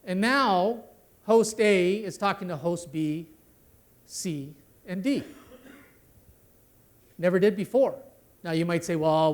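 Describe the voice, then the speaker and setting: A middle-aged man giving a conversational conference talk on network security, ending many sentences with "right?". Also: on the high side. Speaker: conference speaker. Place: conference hall.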